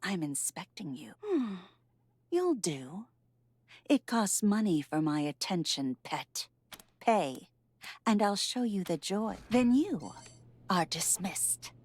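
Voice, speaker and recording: An actress playing a domineering dominatrix in a video game, imperious, condescending and coolly dismissive. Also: female voice, mid-range voice, big pitch swings, slow, slightly rough, no room sound, full character voice. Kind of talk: video game character acting.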